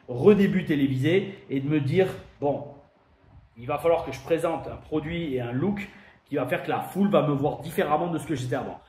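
The host of a wrestling show, a man from France, thinks aloud through a chatty, emphatic review monologue in a slightly high, slightly mellow voice. The room is echoey, with some faint noise.

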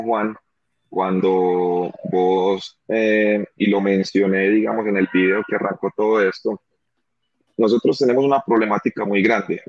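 A man's voice: fairly low pitch, breathy edge, no echo. A man in his thirties with a Colombian accent, an athlete speaking earnestly as an interview guest and repeating phrases for emphasis. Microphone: phone or webcam on a video call. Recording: dull lo-fi video call audio.

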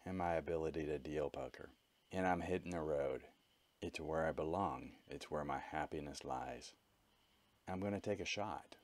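Recorded with no room sound, this bass-voiced vlogger provides voice-over for his own travel video, relating events in a frank, matter-of-fact manner.

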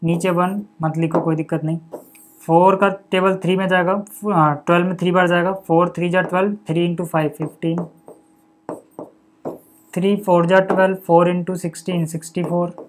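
A man's voice: high voice, little pitch movement, normal speed, slight background noise. A male maths teacher talking through a solution step by step. He keeps asking the viewer what comes next and then answers himself, and drops in casual filler words like "okay" and "buddy". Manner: reads out numbers and steps one by one. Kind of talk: step-by-step board lesson.

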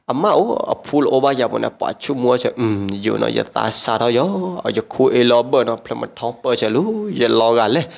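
A man telling a traditional story aloud in an unhurried, steady way. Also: medium pitch, gravelly. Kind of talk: oral folk storytelling.

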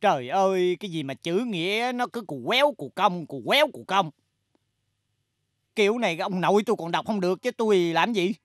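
A woman's voice: on the low side, expressive, a little fast, dry recording, studio quality. An actress playing an exasperated music company boss in a sitcom, scolding her staff dramatically. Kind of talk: sitcom acting.

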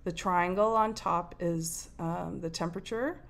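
A woman's voice: on the low side, measured pace, gravelly. A woman from Nova Scotia in her forties, chatting casually about her cross-stitch project at home, thinking aloud with plenty of ums. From Nova Scotia, Canada. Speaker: cross-stitch video host. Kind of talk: casual show-and-tell chat. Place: home room with window blinds, indoors. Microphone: fixed camera at desk distance.

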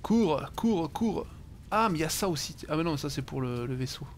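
A man's voice: on the high side, expressive, quick pace, a bit bright, a little hiss or hum. Casual swearing man playing a game. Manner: mutters to himself, swears casually. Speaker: let's play host. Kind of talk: casual gaming commentary.

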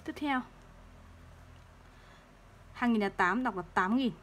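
A woman teaching third-grade math, explaining place values slowly and patiently and repeating each number. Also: a little high, a bit bright. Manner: slow, patient, repeats numbers to drill them.

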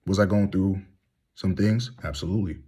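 Lying back in a small room, a man speaks candidly to the phone camera he holds at arm's length. This vlogger's voice is deep, husky and mellow, at a moderate pace, and he vents in a heated, blunt way, firing off rhetorical questions.

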